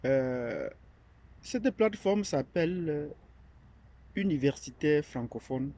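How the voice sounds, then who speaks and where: A Cameroonian academic presents a platform he founded in an unscripted monologue, speaking hesitantly with many fillers and restarts. His voice is fairly high, warm and animated, and he talks slowly.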